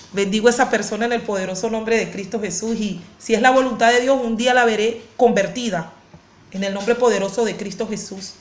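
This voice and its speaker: A woman pastor preaching a sermon, fervent and given to repeating phrases and restarting words. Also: on the high side. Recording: echoey room.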